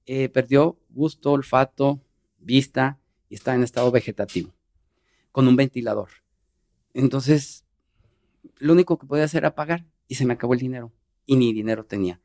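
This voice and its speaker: A middle-aged man, a podcast guest telling an emotional personal story earnestly, in fast bursts. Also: mid-range voice, darkish tone.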